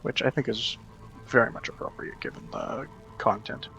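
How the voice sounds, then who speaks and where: A man's voice: medium pitch, little pitch movement, normal speed, vocal fry, sharp tone, faint music behind. A man streaming a game, rambling and correcting himself as he thinks aloud. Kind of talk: casual gameplay commentary.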